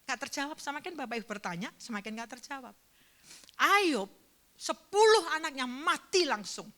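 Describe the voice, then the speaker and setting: In her sermon at a church service, a woman pastor tells a personal story full of emotion, going from fervent to hushed. Her voice sits high and is very animated, at normal speed.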